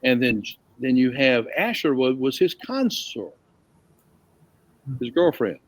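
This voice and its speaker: A man's voice: medium pitch, very animated, slow pace, no room sound. A man teaching a casual Bible study group, rambling a little and asking the group questions.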